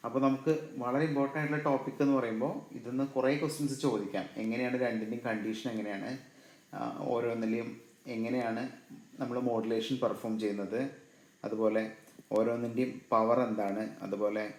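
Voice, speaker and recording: A man's voice: mid-range voice, flat delivery, darkish tone, reverberant. Malayali man teaching an exam-prep lecture. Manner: asks the class questions and answers them himself, reads English definitions slowly. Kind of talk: classroom lecture.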